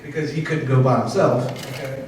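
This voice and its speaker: A man's voice: medium pitch, fairly even intonation, a little fast. A man, a paranormal investigator, giving an emphatic convention panel talk to an audience, checking in with them often. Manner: emphatic, keeps checking in with "okay?". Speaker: paranormal investigator presenting evidence. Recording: echoey hall, distant, faint hiss.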